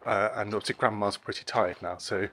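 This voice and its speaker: The speaker is a travel vlogger in his forties, strolling outdoors along narrow streets after dark and talking offhandedly to a phone or camera at arm's length. His voice is on the low side, fairly even in intonation, a little fast, and pushed and bright.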